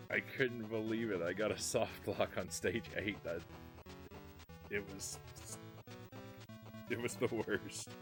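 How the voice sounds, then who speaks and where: Between retro games, a low-voiced man chats casually with his live-stream audience, rambling, putting himself down and often restarting sentences. Faint music runs underneath, and the recording is rough.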